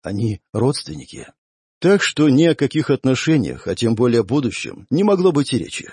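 A man tells a first-person story for an audiobook, reading expressively. His voice is slightly husky and moves a lot in pitch. The recording is dry and close, with no room sound. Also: big pitch swings, moderate pace, a little mellow, dry recording. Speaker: audiobook narrator.

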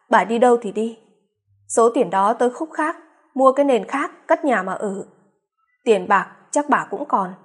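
A man's voice: very high voice, slightly rough. A woman reading the part of a bitter, blunt man. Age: 50s. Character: aging man, bitter, resolute about divorce.

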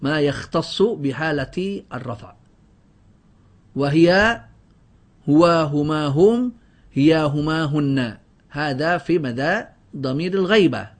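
High-voiced man teaching a grammar class. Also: expressive, slow, pauses often. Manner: asks the class questions and drills word lists; often breaks off and restarts words. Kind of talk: classroom lesson.

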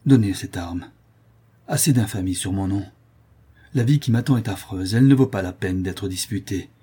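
A man's voice: mid-range voice, expressive, moderate pace, warm tone, slightly rough. A man reading an audiobook voices a frightened young aristocrat son who pleads and protests fearfully. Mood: resigned.

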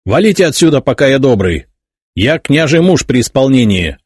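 A man's voice: medium pitch, big pitch swings, moderate pace, a little mellow, husky, no echo, clean studio sound, voice pushed up. A man voicing a stubborn, fierce boy warrior who talks back defiantly. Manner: defiant, insistent.

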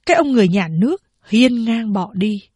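A woman reads a story aloud in a steady, even manner. Her voice is breathy and sits a little high, and the recording is dry and close, with no room sound. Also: brisk, no room sound. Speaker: narrator. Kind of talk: scripted story narration.

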